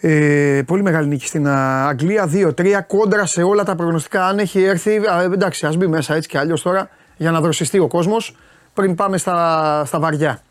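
A man hosting a casual talk show, bantering and teasing his guests and asking viewers to send in chat messages. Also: fairly high pitch. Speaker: host.

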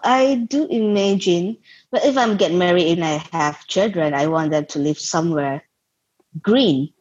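A young Malaysian woman with a Malaysian accent, guest founder of a social enterprise, answers interview questions thoughtfully, searching for words. Her lowish voice is unhurried, darkish and slightly rough, with no echo, though the lo-fi sound is dull.

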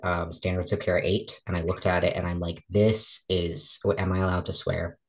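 A woman in her twenties with a relatively deep voice chats casually as an interview guest, acting out the remarks she quotes. She uses many fillers and restarts, speaking at a moderate pace with a level tone.

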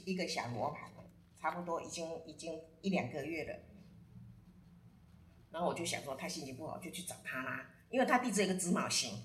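Taiwanese woman telling lively stories in a roomy echo. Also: fairly low pitch, a little hiss or hum. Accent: Taiwanese Mandarin. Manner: lively storyteller who mixes in Taiwanese Hokkien words. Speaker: guest telling stories about friends and astrology. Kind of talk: casual podcast storytelling.

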